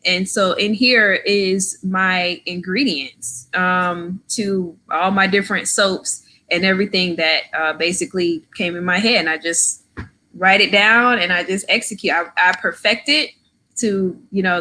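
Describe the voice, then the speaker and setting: A Florida woman in her thirties appears as a podcast guest, telling her story in a chatty, casual way and often tagging lines with "like" and "right?". Her voice is on the low side, bright, with a forceful tone.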